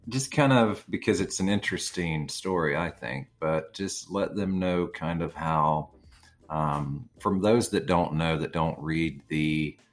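Deep-voiced man hosting a casual chat. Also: unhurried. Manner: rambling, with many fillers and casual swearing. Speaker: podcast host.

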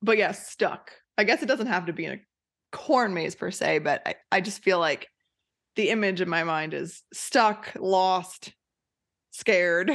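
A woman co-hosting a podcast in casual chat, talking in a lively way and laughing easily. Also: fairly low pitch, a little slow. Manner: chatty, laughs easily, animated storytelling. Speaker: podcast co-host.

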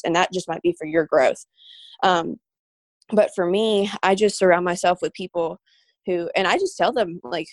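A woman's voice: lowish voice, dry recording. Woman guest, earnest and emotional, loose with fillers, dry close sound. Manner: emotional, many fillers and restarts. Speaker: guest singer. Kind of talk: casual interview talk.

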